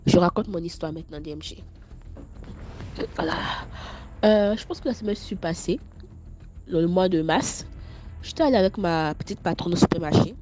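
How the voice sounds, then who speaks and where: This young woman from Ivory Coast, speaking French with an Ivorian accent, addresses her audience in a relaxed storytime vlog, stammering and lively as she alternates between telling people off and recounting events. Her voice sits on the low side at a normal speed, broken by frequent pauses, against a noisy background.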